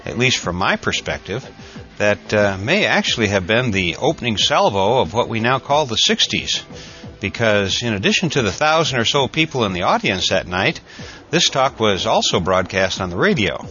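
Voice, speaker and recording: Low-voiced American man, lively intonation. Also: normal speed, dull audio, faint music behind. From United States. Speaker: podcast host. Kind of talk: conversational narrated introduction.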